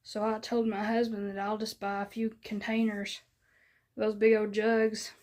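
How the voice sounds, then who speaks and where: A woman's voice: medium pitch, little pitch movement, a little slow, a little mellow. A woman chatting casually to her viewers in a folksy, rambling way, with lots of fillers. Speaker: vlogger. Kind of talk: casual chat to camera.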